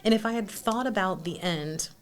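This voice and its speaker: Woman in her forties, podcast guest, candid, animated, self-deprecating, mid-pitched voice. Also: moderate pace. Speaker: restaurant owner, podcast guest. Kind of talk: conversational interview.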